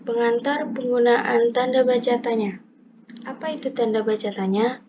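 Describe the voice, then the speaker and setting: A woman's voice: a little high, fairly even intonation, normal speed, background noise. A young woman reading a scripted lesson aloud, setting out each point one by one in a methodical way. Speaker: presenter explaining punctuation. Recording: dull lo-fi recording.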